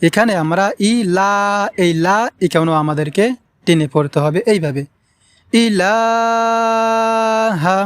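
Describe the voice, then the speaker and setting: At normal speed and a fairly high pitch, a man teaching Quran recitation carefully walks learners through pronouncing an Arabic prayer. He patiently repeats words and stretches the long vowels in a slow, drawn-out recitation lesson.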